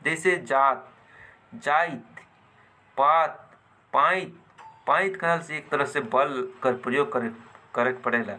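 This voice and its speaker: A man teaching a grammar lesson, deliberately repeating example words in pairs. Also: medium pitch, steady tone, sharp tone.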